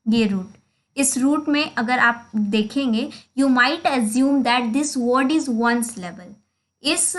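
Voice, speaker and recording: A woman gives a recorded lecture over slides. Her voice sits high, and she explains slowly and methodically, sounding out each stressed and unstressed syllable. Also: a bit bright. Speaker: literature teacher. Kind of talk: slide lecture in Hindi mixed with English.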